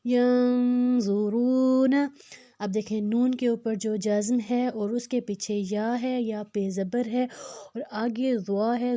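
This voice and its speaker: A woman teaches Quran recitation, explaining rules quickly and stretching the recited words slowly and louder. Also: fairly high pitch, no room sound.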